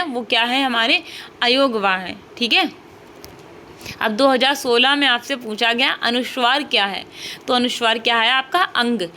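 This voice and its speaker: A woman's voice: on the high side, bright, forceful tone, a little hiss or hum. A woman teaching an online class, explaining step by step and repeating key points with frequent checks and rhetorical questions.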